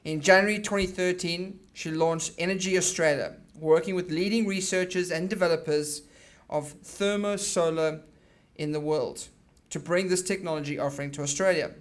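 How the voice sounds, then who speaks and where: A man's voice: on the high side, steady tone, moderate pace. A man with a South African accent, the event host, reading a formal introduction of a guest speaker on stage. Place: event stage before an audience.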